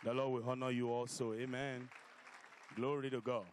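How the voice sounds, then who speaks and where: A man preaching a fiery church sermon as a pastor, loudly exhorting his congregation with call-and-response. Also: mid-range voice, flat delivery, moderate pace, a faint crowd, slight background noise. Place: church service before a congregation.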